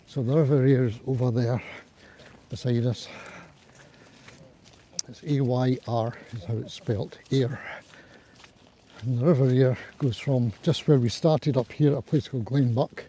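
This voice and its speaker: This husky man is live-vlogging a group walk on a riverside hiking trail in cold wind, chatting loosely and greeting viewers. His mellow mid-range voice is fairly even and a little slow, with long pauses. A small DJI clip-on mic near his throat picks him up over slight background noise.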